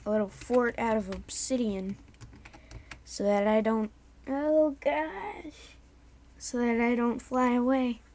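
A woman giving casual gameplay commentary in a sleepy monotone, having just woken up. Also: fairly high pitch, takes it slowly, long pauses. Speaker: gaming YouTuber.

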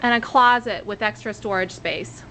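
Medium-pitched, bright and forceful, she speaks at a moderate pace over slight background noise. The woman, a real estate agent in her thirties, narrates a cheerful room-by-room tour of a rental condo shot on a handheld camera, going from the outdoor front door into the empty unit and pointing out what each room offers.

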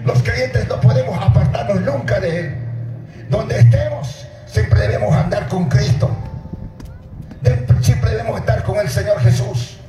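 A middle-aged man preaching at night on an outdoor stage, speaking into a handheld mic, calling out to the congregation and shouting at the peaks. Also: high voice, measured pace, over music. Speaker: pastor. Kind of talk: open-air sermon. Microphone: handheld mic through PA, filmed from far. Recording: echoey PA sound from far off.

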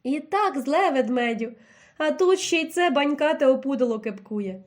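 A big, blustering bear, always hungry and quick to grumble, as a woman narrator puts him on. He talks gruff and impatient, with a lively, swooping voice. A children's audio fairy tale. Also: high-pitched. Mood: grumbling.

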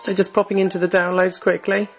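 Talking fast in a high voice, a gaming-channel host browses a console's online store on screen. His chatter is relaxed and packed with fillers, and faint music runs in the background.

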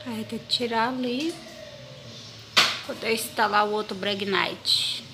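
In her home kitchen, a woman with a Brazilian accent chats casually to viewers as a home vlogger, showing and explaining things informally as she goes. Her mid-range voice is slow and creaky, and there's heavy background noise, recorded on a phone or camera she holds herself.

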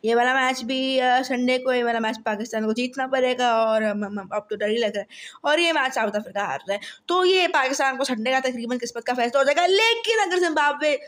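Male host with a notably high voice, excitable, thinks out loud on camera. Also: brisk. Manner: chatty, excitable, thinks aloud with fillers. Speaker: cricket explainer host. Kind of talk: casual explainer talk to camera.

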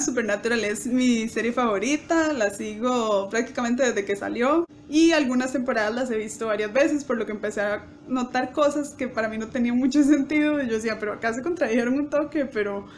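A young woman, chatting to camera and acting out quoted lines with bursts of laughter. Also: a little high. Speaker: YouTuber. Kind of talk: casual storytelling to camera.

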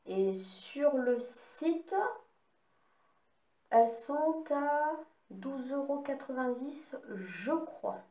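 Slow-talking woman showing makeup. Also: high-pitched, lively intonation, dark tone. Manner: chatty, unhurried, apologetic asides. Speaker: beauty vlogger. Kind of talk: casual makeup haul with swatches. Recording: echoey room.

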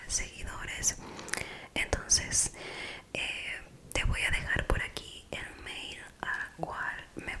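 A young adult woman doing whispered ASMR in a soft, breathy, hushed and intimate voice, close to the microphone. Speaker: ASMR video creator. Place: small bedroom, indoors. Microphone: close desk microphone.

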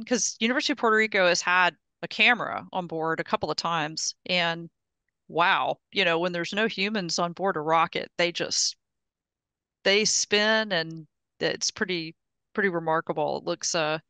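A woman's voice: fairly low pitch, moderate pace, bright, forceful tone, clean tone, dry recording. A middle-aged woman on a video call through a headset mic, giving a casual technical update and explaining step by step with frequent restarts. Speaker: project presenter at an engineering meetup. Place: home office on a video call.

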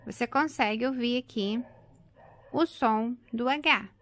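A woman's voice: fairly high pitch, takes it slowly, dry recording. A woman, explaining an English grammar lesson and repeating example words patiently for her students. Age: 30s. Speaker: English teacher.

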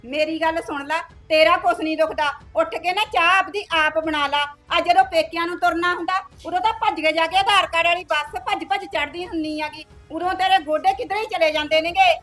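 A woman's voice: very high voice, fairly even intonation, a little fast, few pauses, fairly bright tone. A woman acting as a rude young daughter-in-law, taunting and snappish. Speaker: actor in a short film.

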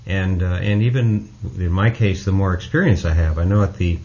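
A man hosting a podcast, responding to his guest in a measured, reflective way with frequent fillers. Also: deep voice, a little mellow, lo-fi sound. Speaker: podcast host. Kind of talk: casual interview chat.

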